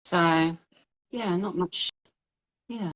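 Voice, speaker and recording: On a video call interview, a New Zealand woman in her thirties speaks casually as a guest in her native accent, her voice on the low side and her words drawn out. She sounds hesitant, using lots of fillers and laughing easily.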